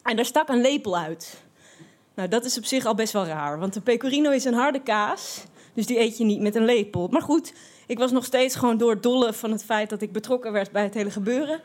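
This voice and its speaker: A woman telling a personal anecdote in a lively, expressive way, with frequent fillers and restarts. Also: on the high side, a little fast. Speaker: storyteller.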